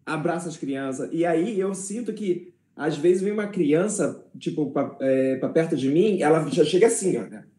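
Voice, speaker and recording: A man's voice: on the high side, moderate pace, few pauses, warm tone. Brazilian man in an echoey room. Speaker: interviewer, teacher. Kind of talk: casual chat.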